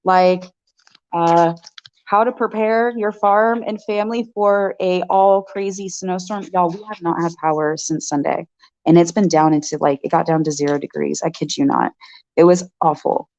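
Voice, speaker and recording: A woman's voice: lowish voice, fairly even intonation, moderate pace, darkish tone. A woman in her thirties talks straight to her viewers in a loose, chatty vlog. She runs a farm and breeds dogs, and keeps checking in with "y'all" and "right?" as she goes. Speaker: farm owner and dog breeder vlogger. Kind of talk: casual vlog talk to viewers.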